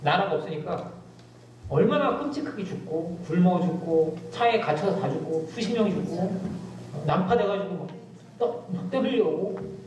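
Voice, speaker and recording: Animated pastor preaching in an echoey church. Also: male voice, high-pitched, moderate pace, slight background noise. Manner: storytelling, animated emphasis with sudden drops to quiet. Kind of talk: sermon. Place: church sanctuary. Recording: very echoey church hall, distant mic.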